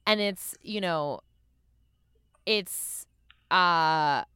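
A woman's voice: fairly low pitch, extremely slow, pushed and bright, clear, resonant tone, no room sound, clean studio sound. A woman co-hosting a podcast, talking in a casual, rambling way with many restarts and fillers. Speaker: podcast co-host. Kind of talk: casual chat.

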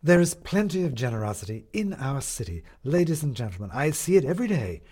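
A man's voice: medium pitch, big pitch swings, fast talker, darkish tone, slightly rough, pitched above the performer's own voice. A man reading a story, voicing an earnest woman who speaks emphatically to a crowd.

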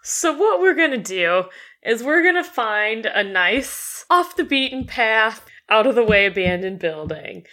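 Bright, animated woman playing tabletop games. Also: fairly high pitch, unhurried. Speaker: tabletop role-playing podcast player. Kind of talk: casual improvised game narration.

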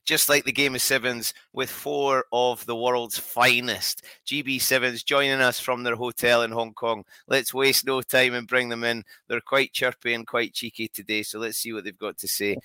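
Bright, crisp male podcast host. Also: mid-range voice, level tone, normal speed, hardly any pauses, no echo. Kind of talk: bantering interview.

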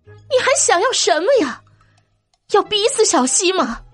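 Busybody village aunt, high lively nagging voice, audio drama. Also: female voice, a little slow, soft background music, exaggerated voice. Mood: scolding. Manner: nosy, scolding. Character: meddling middle-aged village woman.

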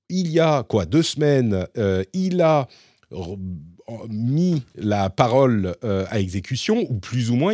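A man from Lebanon hosting a casual tech podcast, chatty and animated, often restarting his sentences. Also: lowish voice, no room sound, studio quality. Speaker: podcast host.

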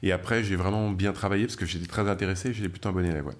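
Lowish-voiced French man recounting his career. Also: steady tone, rapid-fire. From France. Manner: chatty, many fillers and restarts. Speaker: guest, media founder. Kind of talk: interview storytelling.

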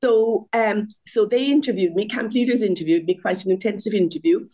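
A woman in her sixties, a guest telling her story in a lively, conversational interview, laughing often at herself. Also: medium pitch, brisk. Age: 60s.

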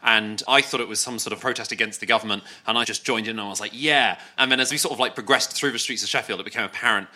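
A man's voice: lowish voice, steady tone, very fast, hardly any pauses, bright, forceful tone. A man telling wordy, self-deprecating anecdotes as a guest on a comedy panel. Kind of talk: humorous anecdotal panel chat.

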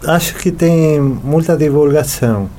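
A slightly high, dark-toned male voice at a measured pace belongs to a middle-aged artist and sculptor from Buenos Aires. A native Spanish speaker with an Argentine accent, he responds in a conversational interview, with slight background noise present.

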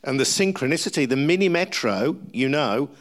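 A man's voice: medium pitch, expressive, moderate pace. A man conducting a conversational interview in an affirming, reflective manner.

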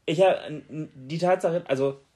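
A woman's voice: low voice, normal speed, mellow. A woman in her late twenties co-hosting a podcast in casual chat, frank and teasing. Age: late 20s. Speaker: podcast co-host.

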